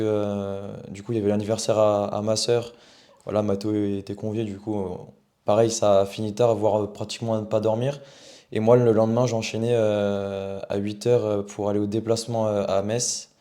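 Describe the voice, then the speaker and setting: A young French man with a low, mellow voice. He co-hosts a live football chat stream, chatting loosely and trailing off into fillers. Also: little pitch movement, brisk. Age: young adult. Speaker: co-host.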